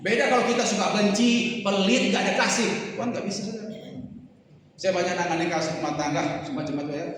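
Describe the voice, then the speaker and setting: Earnest male pastor, fairly high voice, preaching in a big reverberant church, mic at a distance. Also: brisk, fairly bright tone, slight background noise. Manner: earnest, exhorting, often addresses the congregation directly. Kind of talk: sermon. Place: large church hall. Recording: echoey hall, voice from far off mic.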